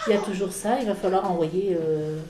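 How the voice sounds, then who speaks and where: A woman explaining medieval history in a casual talk, halting with many fillers and restarts. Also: medium pitch, reverberant, background noise. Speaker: speaker on a church history talk. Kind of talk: informal history lecture in conversation.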